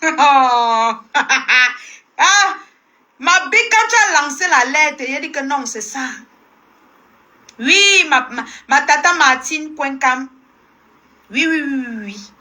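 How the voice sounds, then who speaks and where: Cameroonian lady yelling at her live viewers, high voice, keeps repeating herself. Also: expressive, unhurried. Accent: Cameroonian French. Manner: combative, scolding, repeats herself. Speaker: live-stream host. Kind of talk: heated live-stream rant. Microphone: phone live stream.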